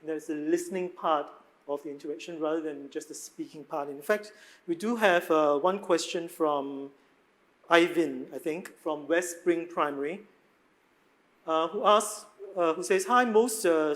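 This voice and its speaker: A moderator with a mid-pitched voice guides a panel discussion. They sum up points and read questions aloud. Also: measured pace, fairly bright tone.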